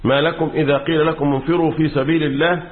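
A man's voice: on the high side, flat delivery, quick pace. A man with an Egyptian accent, a sheikh lecturing a class on Quran commentary, quizzing his students with fill-in questions and repeating key words. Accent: Egyptian Arabic. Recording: tinny lo-fi phone-like recording.

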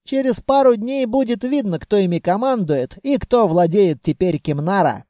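A reader voicing a crafty, stubborn, plump male trickster who haggles and grumbles loudly, in an audiobook. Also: medium pitch, expressive, normal speed, no echo, studio quality, natural voice. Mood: sly. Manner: loud haggling, grumbling and scheming. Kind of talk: audiobook reading.

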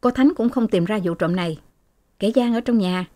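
A woman reading an audiobook voices a calm young male student in her own level voice. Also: mid-range voice, normal speed, natural voice.

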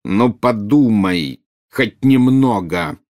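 A man's voice: medium pitch, very animated, brisk, a little mellow, slightly rough, pitched above the performer's own voice. A man voicing a furious, jealous witch in an audiobook, bursting out in scornful, indignant retorts.

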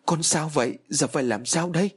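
A man's voice: a little high, a little fast, husky, voice pushed up. A man voicing an anxious middle-aged mother crying out in alarm in a storybook tale. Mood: panicked. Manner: panicked, pleading.

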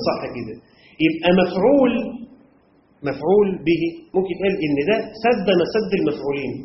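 A man with an Egyptian accent teaching a classroom lesson on Quran commentary grammar, constantly checking whether his students follow. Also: a little high. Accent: Egyptian Arabic. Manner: quizzes the class with rhetorical checks. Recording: roomy, dull lo-fi room recording with faint noise.

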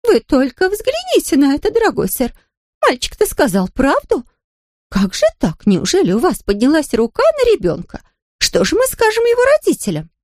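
Woman putting on a shrill bossy housekeeper, high and scolding, storybook voice. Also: huge pitch swings, moderate pace, no echo, studio quality. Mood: shocked. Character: fussy stern middle-aged housekeeper woman.

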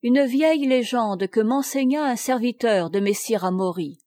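A woman voicing a clever, respectful young serving boy who speaks softly and humbly in a read-aloud story. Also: fairly high pitch, normal speed, no room sound, studio quality, lightly acted. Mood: deferential.

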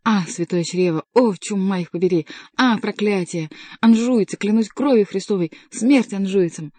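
Sly mocking jester, read by a woman, drawling, dark dry tone. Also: fairly high pitch, lively intonation, unhurried, no room sound, voice pushed up. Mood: mock rage. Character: mocking male court jester, sly and sardonic.

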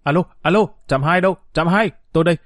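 A man narrating a story voices a middle-aged male official, hurried and fussy, barking into a field phone. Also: a little high, expressive, no room sound, studio quality, lightly acted. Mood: urgent.

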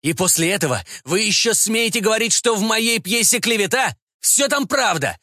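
A man's voice: sits high, sing-song, moderate pace, sharp tone, no room sound, clean studio sound, pitched above the performer's own voice, exaggerated voice. A man voicing a hissing, indignant Polish nobleman, a vampire, in an audiobook. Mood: furious.

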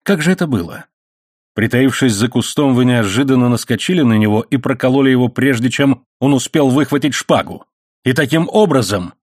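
A man's voice: mid-range voice, lively intonation, fairly quick, dry recording, studio quality, voice pushed up, lightly acted. Man voicing a grimly mocking avenger. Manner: quietly mocking, grimly sarcastic. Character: sardonic cold-hearted man taking revenge.

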